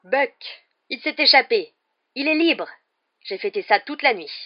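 A big, soft-hearted gamekeeper in a storybook reading, as the narrator puts him on. His talk is loud and excitable, bursting with news. The recording is a bit dull and lo-fi. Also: mid-range voice, quick pace, close to an everyday voice. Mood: excited. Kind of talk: audiobook character voice.

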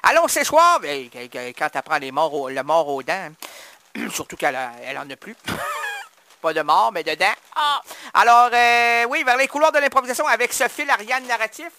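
A man's voice: sits high, wildly swooping pitch, moderate pace, sharp tone. A man hosting a radio show, improvising a playful, rambling comic monologue full of puns and talk aimed at imagined listeners. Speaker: radio host. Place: radio studio.

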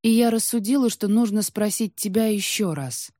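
A woman's voice: medium pitch, moderate pace, dark tone, no room sound, clean studio sound, voice pushed up, lightly acted. A woman voicing a proud, bitter young tsaritsa who speaks coldly and insistently in a storybook reading. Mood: mocking. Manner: cold, prickly, insistent.

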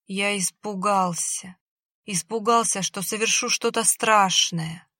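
A woman's voice: mid-range voice, takes it slowly, bright, forceful tone, no room sound, studio quality, exaggerated voice. A woman voicing a terrified young man who pleads and denies in desperation. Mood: tearful.

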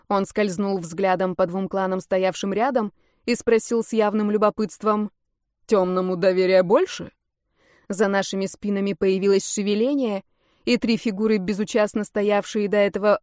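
A woman narrating a first-person fantasy audiobook in an even, measured reading. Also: medium pitch, dry recording, studio quality.

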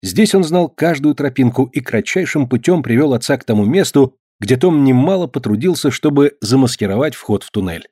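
A man narrating a children's story in an expressive storytelling manner. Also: mid-range voice, fairly quick, few pauses, husky, dry recording, clean studio sound. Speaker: audiobook narrator. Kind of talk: scripted narration.

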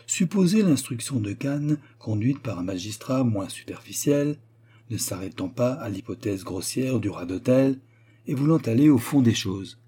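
A man narrating a story aloud in a measured, dramatic way. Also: mid-range voice, lively intonation, mellow, husky. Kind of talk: audiobook narration.

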